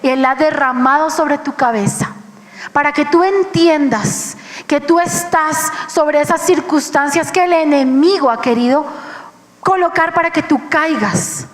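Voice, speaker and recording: Preacher, Colombian woman, high voice, impassioned delivery, long echo of a church hall. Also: unhurried. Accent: Colombian Spanish. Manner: impassioned, acts out quoted voices. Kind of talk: sermon.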